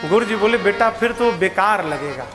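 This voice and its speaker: A man's voice: high-pitched, animated, normal speed. A man preaching a religious story, acting out dialogue between figures and breaking into sung lines, recorded in a large hall on a stage microphone with live music. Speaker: katha preacher. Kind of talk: sermon storytelling. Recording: echoey hall with instrument backing.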